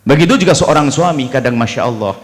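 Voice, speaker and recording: A man from Indonesia giving a lively sermon, swinging between loud exclamations and quiet asides. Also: medium pitch, fast. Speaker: preacher. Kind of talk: lively sermon to a live audience. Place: large hall at a religious gathering. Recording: long hall reverb.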